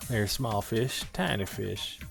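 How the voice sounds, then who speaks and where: A man voicing a scheming male smuggler gang boss from a game, reading the lines aloud in a rough put-on drawl. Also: fairly low pitch, slow pace, fairly bright tone, soft background music, heavily acted.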